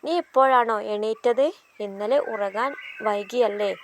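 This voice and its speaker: A woman's voice: fairly high pitch, steady tone, unhurried, a little hiss or hum, lightly acted. A woman voicing a middle-aged father asking plain, practical questions.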